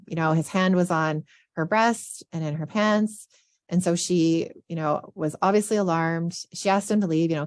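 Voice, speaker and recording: A woman's voice: on the low side, darkish tone, no room sound, clean studio sound. A woman, a student affairs dean, giving an earnest, explanatory training presentation with frequent verbal fillers.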